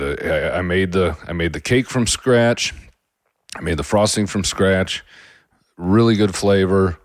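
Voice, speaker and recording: A man's voice: low-pitched, no echo. Casual rambling man, dry close sound. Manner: rambling, many fillers and restarts. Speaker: podcast host. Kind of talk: casual solo podcast talk.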